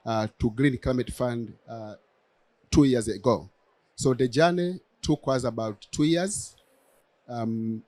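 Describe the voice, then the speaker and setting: Tanzanian accent guy presenting on a panel, lots of pauses, pretty formal, dry sound. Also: medium pitch, a little mellow, no echo. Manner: halting, with frequent pauses and hesitations. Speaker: bank representative and panelist.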